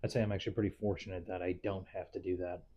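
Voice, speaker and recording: A man's voice: low-pitched, level tone, rapid-fire, warm tone, muffled recording. A man talking candidly in a casual, rambling, reflective vlog monologue, like a nurse giving advice to newcomers.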